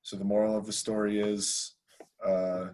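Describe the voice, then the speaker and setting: A man's voice: fairly low pitch, level tone, moderate pace, darkish tone. A man hosting a casual podcast, joking around with friends and rambling through lots of filler words. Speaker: podcast host.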